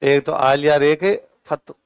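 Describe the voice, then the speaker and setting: A male teacher with a Rajasthani Hindi accent, pitched a little high, gives an exam-prep lecture. He fires off questions and answers them himself, then slows down to dictate notes line by line. His voice is clear and resonant in a dry, close recording. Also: fairly even intonation, no echo. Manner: dictates notes slowly, repeating each line.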